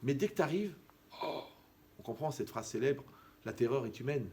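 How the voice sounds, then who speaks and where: A man giving a lively, conversational sermon as a rabbi, who acts out the people he quotes. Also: medium pitch, moderate pace, a little hiss or hum. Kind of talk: animated sermon.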